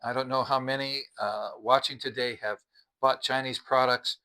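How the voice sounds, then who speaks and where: A mature man gives a casual product review in a bright, forward voice at an average male pitch. He goes through it plainly and methodically, point by point, at a moderate pace with fairly even intonation and a smooth delivery.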